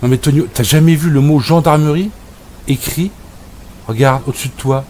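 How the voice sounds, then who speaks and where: A man's voice: fairly high pitch, normal speed, darkish tone, a little hiss or hum. A man giving comic role-play commentary over gameplay, scolding and exasperated in a joking banter. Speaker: gameplay video creator.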